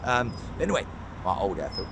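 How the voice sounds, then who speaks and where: A young man vlogging his fishing trip outdoors beside a ditch, talking excitedly and rambling to a camera set on the bank. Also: on the low side, brisk, gravelly, noisy background. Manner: excitable, rambling, lots of fillers. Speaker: angling vlogger. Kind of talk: casual chat to camera.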